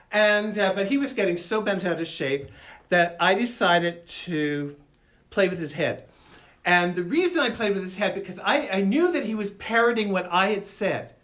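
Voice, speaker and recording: A man's voice: high voice, fairly bright tone. A man from Canada who owns an art gallery, telling a casual anecdote with many fillers and restarts. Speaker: gallery owner. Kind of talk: casual storytelling.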